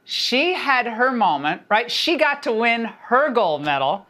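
A woman's voice: on the high side, very animated, measured pace, bright, forceful tone. A woman hosting an evening news talk show, blunt and exclamatory, laughing often.

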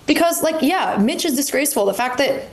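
A woman's voice: high voice, lively intonation, fairly quick. A woman in her twenties co-hosting a casual political debate, speaking in a blunt, candid way. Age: 20s. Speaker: co-host.

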